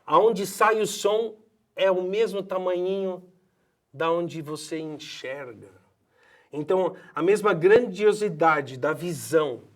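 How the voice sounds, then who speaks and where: A man in his fifties with a Brazilian accent, a voice doctor speaking in an expressive, emphatic way. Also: on the high side. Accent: Brazilian Portuguese. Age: 50s. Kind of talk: passionate promotional talk.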